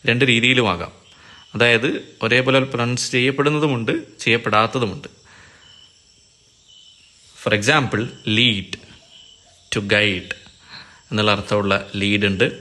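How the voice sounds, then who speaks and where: A man with a Malayali accent teaching an English exam lesson, explaining in Malayalam and reading English definitions slowly. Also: medium pitch, sharp tone. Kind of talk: recorded online lecture.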